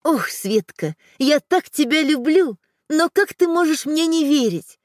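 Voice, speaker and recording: A woman's voice: sits high, lively intonation, unhurried, dry recording, studio quality, voice pushed up. A woman voicing a middle-aged mother who talks firmly and steadily, scolding and tender at once, in a storybook reading. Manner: firm, scolding yet tender. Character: firm loving middle-aged mother, teasing and protective.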